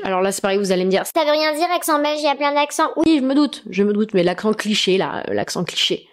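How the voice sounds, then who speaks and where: Une jeune femme, youtubeuse, qui parle sur un ton décontracté et se moque d'elle-même en lisant des questions de quiz à voix haute. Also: female voice, medium pitch, darkish tone. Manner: chatty, self-mocking, reads quiz questions aloud. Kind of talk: casual chat.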